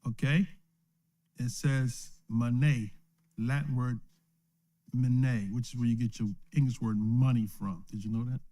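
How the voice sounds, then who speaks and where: A man's voice: medium pitch, steady tone, unhurried, mellow. A man, an elder, teaching an informal Bible lesson who keeps checking in with "right?" and chuckles often. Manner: asks "right?" after most points, chuckles often. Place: recorded at home or a small study, streamed live.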